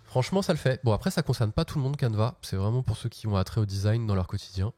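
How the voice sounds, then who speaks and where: Laid-back, mellow-voiced male tech host. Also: on the low side, lively intonation, quick pace, no room sound. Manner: chatty, slangy, restarts often. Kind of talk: casual live tech walkthrough. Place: office.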